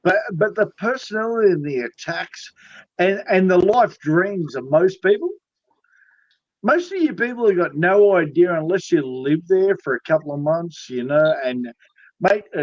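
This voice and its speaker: A man's voice: on the high side, lively intonation, normal speed, darkish tone, no echo, lo-fi sound. A man in his thirties on a panel chat, blunt and swearing, often repeating himself. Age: 30s. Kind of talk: heated casual chat.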